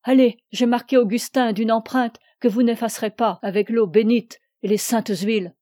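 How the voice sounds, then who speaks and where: Woman reader doing a possessive young heroine, impassioned and scornful, warm dark timbre. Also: on the high side, steady tone, moderate pace, no room sound, studio quality, lightly acted. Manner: impassioned, scornful, rising to cries. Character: passionate young woman, fiercely possessive lover.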